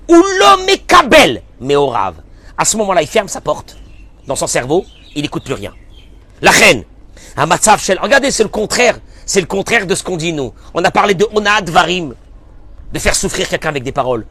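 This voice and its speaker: Impassioned rabbi preaching with loud bursts. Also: male voice, on the high side, no echo. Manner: impassioned, swings between loud bursts and soft murmurs; mixes Hebrew phrases into French speech. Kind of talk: sermon.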